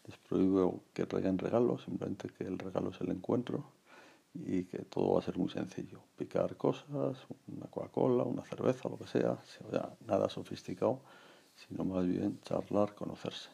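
Gravelly low-voiced man around sixty. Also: normal speed, mellow. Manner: rambling, reflective, many fillers and restarts. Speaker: podcast host. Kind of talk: casual personal monologue.

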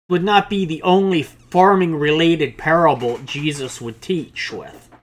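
A man's voice: on the high side, fairly bright tone. A male pastor preaching a sermon, reading scripture aloud and explaining it with casual asides.

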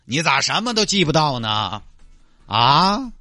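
A man playing an exasperated highway traffic cop who keeps scolding a stranded driver with incredulous questions in a comedy skit. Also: big pitch swings, measured pace, bright, forceful tone, dry recording, clean studio sound, faint music behind, exaggerated voice.

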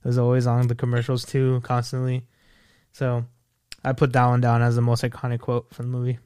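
A man's voice: mid-range voice, completely flat delivery, brisk, mellow, clean tone, no echo. Young male podcast co-host, loose and profane, laughs through his lines. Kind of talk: casual chat about a movie.

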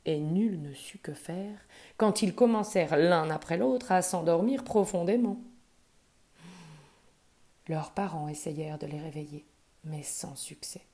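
Brief: woman storyteller, low and mellow, soft, gentle bedtime-story delivery. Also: unhurried, long pauses. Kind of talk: children's story reading.

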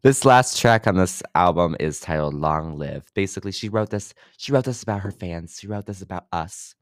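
A man's voice: sits low, animated, moderate pace, no room sound, clean studio sound. A young man hosting a casual music review podcast, loose and chatty with lots of fillers. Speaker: podcast host.

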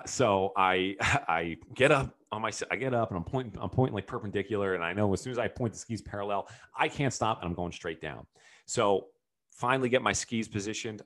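A man hosting a podcast, telling a story in a casual, animated way. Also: lowish voice. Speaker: podcast host. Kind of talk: storytelling monologue.

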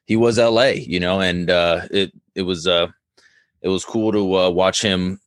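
A man co-hosting a casual sports talk show, easygoing and halting, with frequent fillers. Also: sits low, steady tone, clear, resonant tone, no echo. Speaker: sports podcast co-host.

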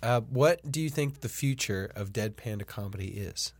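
A man's voice: mid-range voice, normal speed, breathy edge, no room sound. A man hosting a casual podcast, laid-back and jokey, with a stuffy nose. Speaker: podcast host.

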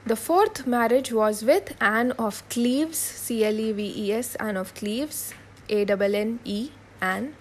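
A woman's voice: on the high side, takes it slowly, slight background noise, low-quality recording. A woman teaching a history lesson for exam students. She repeats key points, spells names letter by letter and asks questions that she answers herself.

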